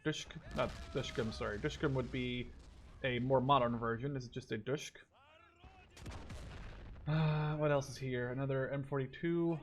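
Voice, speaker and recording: Here a Dutch man in his twenties voices relaxed, wandering let's-play commentary at a medium pitch. As a gaming YouTuber, he muses aloud and curses offhandedly, with slight background noise behind him.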